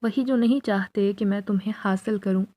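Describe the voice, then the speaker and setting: A woman's voice: mid-range voice, warm tone, natural voice. A woman voicing a young male jinn who pleads his love in a spoken horror story. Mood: earnest.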